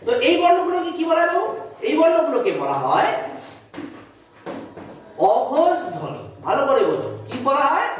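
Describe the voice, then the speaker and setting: A man's voice: very high-pitched, huge pitch swings, moderate pace, long pauses. A man teaching a lesson, asking his students questions, answering them himself and repeating points as a drill. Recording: very echoey room.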